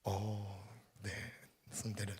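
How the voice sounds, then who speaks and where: A man preaching a sermon as pastor, swinging from loud emphatic bursts to hushed near-whispers. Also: fairly low pitch, monotone, drawn-out words, slightly rough. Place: church sanctuary.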